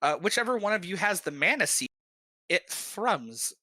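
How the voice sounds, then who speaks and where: Relaxed, bright-toned game master narrating a tabletop session; dry, close sound. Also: mid-range voice, moderate pace, no room sound. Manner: relaxed, many "uh" fillers.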